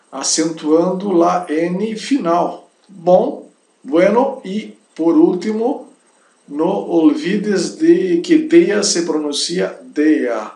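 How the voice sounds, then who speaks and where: With a fairly high pitch, a creaky edge, and a darkish tone, a German teacher works through a slow spoken lesson. He says every word several times, tosses in quick tag questions, and the room around him echoes noticeably.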